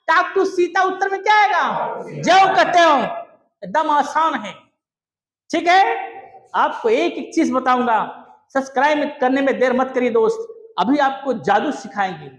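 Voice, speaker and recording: High-voiced man drilling a class loudly. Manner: emphatic, loud, often shouting to the class. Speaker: spoken English teacher. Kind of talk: classroom lesson with call-and-response drilling. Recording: echoey room.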